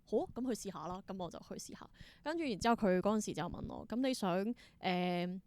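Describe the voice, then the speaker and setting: A woman with a Hong Kong Cantonese accent, a theatre performer and creator, tells casual conversational stories as an interview guest, acting out bits of dialogue along the way. She sounds expressive and quick, her mid-range voice darkish in tone, with a little hiss or hum in the recording.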